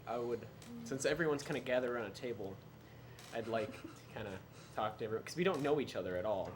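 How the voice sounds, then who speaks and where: A man's voice: mid-range voice, expressive, fast, slight background noise. A man playing a tabletop game, chatting casually and playfully, often giggling. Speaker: player.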